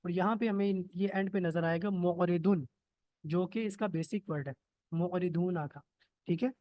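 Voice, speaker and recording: A man's voice: high-pitched, moderate pace, dry recording, lo-fi sound. A man teaching Arabic grammar in an online lesson, explaining step by step and checking in often with his students. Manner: patient, checks in with "theek hai?" often. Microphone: computer mic on a video call.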